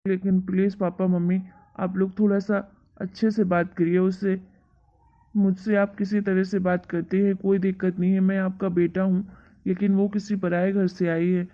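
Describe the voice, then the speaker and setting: A performer voicing a young husband in an animated story, calmly apologizing and pleading. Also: mid-range voice, moderate pace, close to an everyday voice. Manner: calm, apologetic. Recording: dull lo-fi sound.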